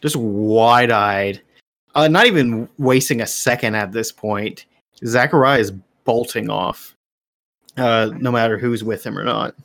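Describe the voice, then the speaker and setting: A man with a mid-pitched voice plays a tabletop game, casually narrating his character's moves. He talks unhurriedly, and the sound is dry. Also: measured pace, fairly bright tone, dry recording. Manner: casual, laughing, filler-heavy. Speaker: player.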